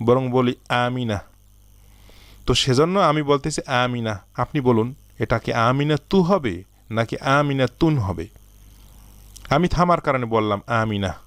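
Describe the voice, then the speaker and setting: A man teaching an Arabic lesson, slowly reading out word lists and asking learners to answer. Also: medium pitch, no room sound. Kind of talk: recorded language lesson.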